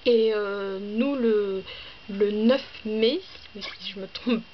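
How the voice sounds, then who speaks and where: A woman's voice: mid-range voice, takes it slowly. Chatty woman book vlogger, hesitant. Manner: hesitant, many fillers and restarts; chatty, listing items one by one. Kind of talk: casual book vlog. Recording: slightly dull with faint background noise.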